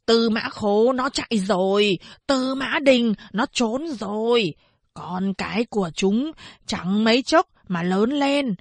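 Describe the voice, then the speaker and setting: A woman voicing a blind old man who pleads and wails with slow, drawn-out speech full of hesitant fillers. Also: on the high side, dry recording. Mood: pleading.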